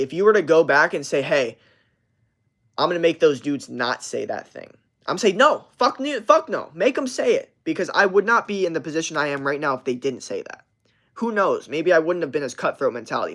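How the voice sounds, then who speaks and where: This livestream host, a man in his twenties, has a somewhat high, slightly bright voice. He's doing casual story time, rambling emphatically and with plenty of profanity.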